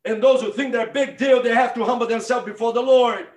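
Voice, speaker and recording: A man's voice: extremely high pitch, fairly even intonation, brisk, roomy sound. A man from Brazil with a Brazilian Portuguese accent and Portuguese as his first language, preaching a sermon emphatically and speaking straight to his listeners. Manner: emphatic, building to impassioned shouts, direct address to listeners. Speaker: pastor.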